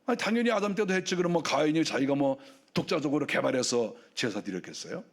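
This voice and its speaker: A male pastor delivering a sermon in a chatty, storytelling manner. He keeps asking the congregation rhetorical questions. His voice sits slightly high for a man. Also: lively intonation, quick pace. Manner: conversational, full of rhetorical questions.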